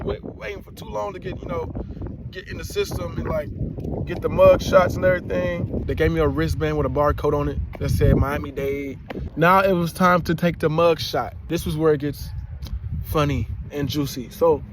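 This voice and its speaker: A man's voice: on the high side, a little hiss or hum. A young man telling a personal story in a casual, rambling way, full of slang and repeated words. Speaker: vlogger and rapper.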